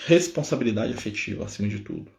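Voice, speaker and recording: Fast-talking man leading a spiritual study. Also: on the low side, gravelly. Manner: constant tag questions, animated retelling. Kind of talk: storytelling lesson on a livestream. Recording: echoey room.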